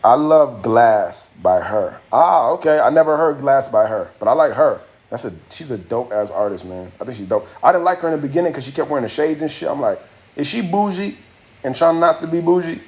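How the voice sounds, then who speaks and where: Speaking brisk and animated at medium pitch, this young livestream host of Haitian descent has a slightly mellow tone. He banters in slang with his viewers, replies to their comments, and raps a verse with a lifted, rhythmic flow.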